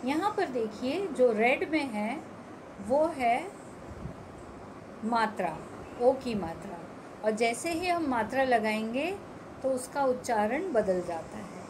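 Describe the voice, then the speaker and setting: Woman, children's teacher, high-pitched, very slow, drawn-out syllables. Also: sing-song, noisy background. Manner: slow, drawn-out word-by-word pronunciation drills. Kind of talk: Hindi phonics lesson for young children.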